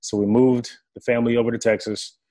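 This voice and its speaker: Poor audio carries this medium-pitched, dark, level voice, moving at a quick pace. The speaker is a young Congolese man, French his native tongue, recounting his life earnestly and vividly as a casual interview guest; he is player engagement staff for a football team.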